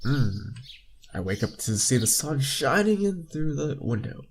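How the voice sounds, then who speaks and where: Hosting a visual novel playthrough, this young man reads the text in a mid-range, very animated voice without hurrying. He trips over words now and then, fixes them, and adds offhand comments, with game music playing and a slight hiss or hum in the recording.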